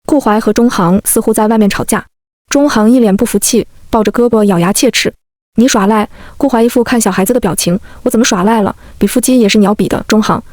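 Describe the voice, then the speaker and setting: Young woman, storyteller, higher-pitched voice, dry close sound, reads every character in her own voice. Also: quick pace, a little mellow, no echo. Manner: plays every character in the same light voice. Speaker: narrator. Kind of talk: first-person storytelling narration.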